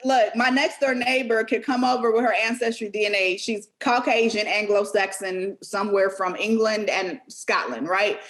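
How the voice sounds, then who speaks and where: A woman co-hosting a casual podcast discussion, asking probing, animated questions. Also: mid-range voice, normal speed, hardly any pauses. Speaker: podcast co-host.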